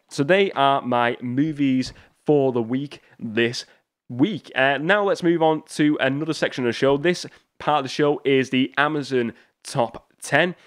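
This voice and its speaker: A man hosting his own solo podcast, talking in a loose, chatty way with frequent fillers and restarts. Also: mid-range voice. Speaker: podcast host. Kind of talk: solo casual podcast talk.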